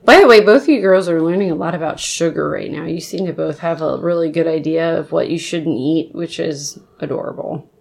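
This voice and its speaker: A woman co-hosting a casual family podcast as a mother, easygoing and quick to laugh. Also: deep voice, vocal fry.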